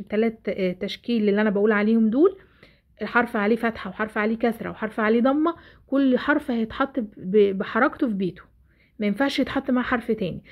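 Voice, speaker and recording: Egyptian woman teacher quizzing herself aloud. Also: fairly high pitch. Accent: Egyptian Arabic. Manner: asks herself questions and answers them. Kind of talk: explaining a lesson to parents and children. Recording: dull lo-fi recording.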